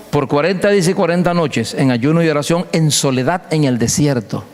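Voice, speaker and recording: Emphatic preaching man in a reverberant church hall. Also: high-pitched. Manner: emphatic preaching with repeated phrases and storytelling. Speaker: pastor. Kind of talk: sermon.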